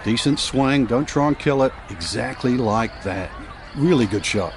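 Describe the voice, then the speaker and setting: A man's voice: medium pitch, lively intonation, unhurried. A man performing as an encouraging golf analyst, giving informal commentary on a player's shots in a game. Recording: noisy outdoor crowd ambience. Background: crowd and outdoor noise.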